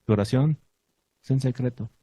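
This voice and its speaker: Mellow, husky man teaching a congregation. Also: medium pitch, normal speed, no room sound, low-quality recording. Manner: asks the congregation questions, recites Hebrew blessings. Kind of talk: sermon teaching.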